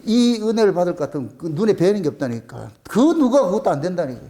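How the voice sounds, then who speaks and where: A man's voice: sits high, big pitch swings, fast, mellow. A male pastor with a Gyeongsang accent preaching a colloquial sermon full of rhetorical questions. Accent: Gyeongsang dialect.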